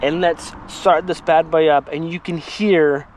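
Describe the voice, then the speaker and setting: A man's voice: a little high, fairly even intonation, measured pace, slight background noise. A man hosting a firewood channel, chatting casually outdoors in a yard as he demonstrates a saw, with rambling asides. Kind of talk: casual equipment demo vlog.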